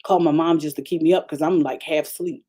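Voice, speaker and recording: Older woman pastor, animated storytelling sermon. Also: sits low, quick pace. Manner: animated, emphatic, talks straight to the audience.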